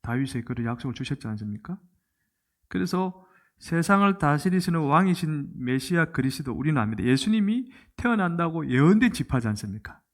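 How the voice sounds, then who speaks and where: A man's voice: fairly high pitch, a little fast. A middle-aged man preaching a sermon as a pastor, telling the story with animation and asking the congregation questions. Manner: animated storytelling, asks the congregation questions and acts out quoted lines.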